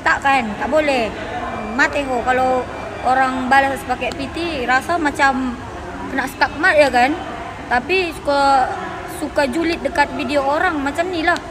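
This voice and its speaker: A woman's voice: high voice, fairly even intonation, a little slow. A woman from Indonesia ranting defiantly to the camera. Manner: defiant, argumentative. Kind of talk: vlog rant. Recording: crowd and street noise behind.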